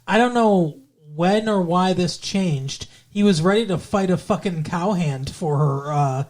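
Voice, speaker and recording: A woman's voice: on the low side, a little slow, a little mellow. A woman co-hosting a podcast, recapping a TV episode in blunt, sarcastic casual chat and swearing freely. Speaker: podcast co-host.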